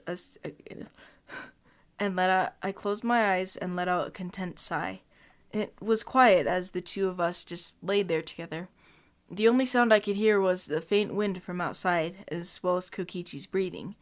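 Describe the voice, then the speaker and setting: A young woman reading the narration of a fan story aloud, stumbling over words and laughing with a friend. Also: fairly low pitch. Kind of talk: casual read-through of a fan story.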